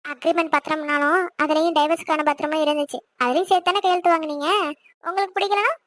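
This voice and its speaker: A woman voicing a young wife in an animated series, arguing and pleading quickly and insistently. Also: high voice, no room sound. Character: young wife, stubborn and outspoken.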